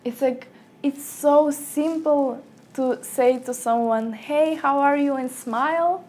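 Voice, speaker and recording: Speaking slowly in slightly high-pitched English, her second language, a young woman from Slovenia chats casually as an interview guest. She tells animated stories, often shifting into brighter, higher voices to mimic the people she quotes. The sound suggests a small office room.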